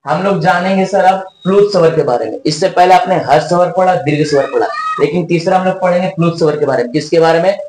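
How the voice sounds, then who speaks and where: Guy teaching grammar, high voice, asks stuff then answers it himself, stretches out sounds slow. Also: darkish tone, echoey room, slight background noise, rough recording. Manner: slow, drawn-out demonstration of sounds. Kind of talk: grammar lesson.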